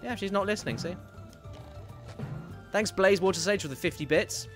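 A man's voice: high voice, normal speed, soft background music. A man streaming a video game, chatting casually and reading viewer messages aloud, rambling and correcting himself as he goes. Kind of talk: casual gameplay commentary.

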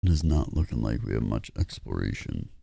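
Gravelly, very deep-voiced gaming streamer. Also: male voice, big pitch swings, fairly quick, mellow, slight background noise. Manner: casual, profane, joking. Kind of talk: let's play commentary.

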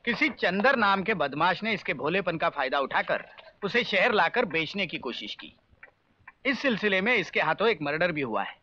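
A man's voice: high voice, very animated, moderate pace, bright, forceful tone, exaggerated voice. An actor playing an authoritative male police officer who gives orders and explains a case. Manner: explaining, commanding. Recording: dull film soundtrack with faint noise.

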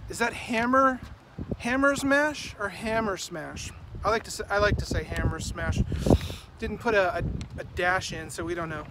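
A man's voice: high voice, normal speed. Chatty man vlogging on a windy roadside. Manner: rambling, self-correcting, chatty. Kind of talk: walking vlog with book reading. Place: outdoors on a rural roadside. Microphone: phone at arm's length. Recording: loud wind noise on phone mic. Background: wind and passing vehicles.

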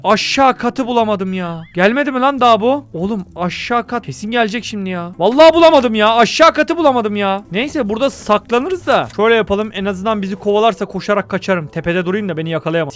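A young man giving excitable, joking gameplay commentary to his viewers, swearing often. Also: high-pitched. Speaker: gaming streamer.

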